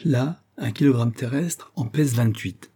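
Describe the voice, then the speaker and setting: A man's voice: medium pitch, unhurried, mellow, husky. A man voicing a cantankerous, proud old astronomer professor who lectures precisely, stressing each syllable. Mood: lecturing.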